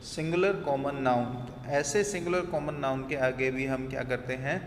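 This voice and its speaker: A male teacher explaining grammar slowly, asking rhetorical questions as he goes. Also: mid-range voice. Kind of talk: classroom grammar lesson. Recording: echoey room, faint ambient noise.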